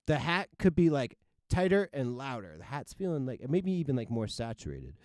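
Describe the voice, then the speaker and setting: A man's voice: medium pitch, big pitch swings, moderate pace. A man who produces music, giving loose, chatty feedback on a livestream. He swears now and then and stumbles over his words. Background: faint electronic music playing.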